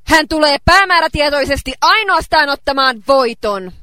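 Bright high-voiced female sermon interpreter. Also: dry recording, studio quality. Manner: steady, faithful relaying of each phrase.

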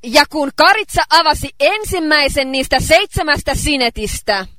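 A woman interpreting a sermon phrase by phrase, relaying each line in a steady way. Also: high-pitched, dry recording.

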